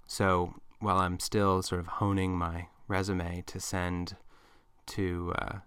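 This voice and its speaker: A male podcast host talks casually into a close mic, musing and thinking aloud. His voice sits on the low side but sounds bright and forceful, with a smooth, crisp clarity. The sound is dry, with no room echo. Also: little pitch movement, slow.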